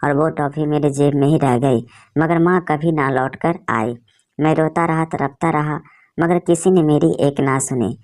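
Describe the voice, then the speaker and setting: A woman narrating an emotional story in a steady, feeling storytelling manner. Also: low-pitched, unhurried.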